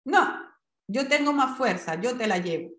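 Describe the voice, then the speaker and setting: Woman reader voicing a streetwise boy: brash, self-assured, lower than her own voice, echoey room. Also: lively intonation, normal speed, a bit bright. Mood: eager.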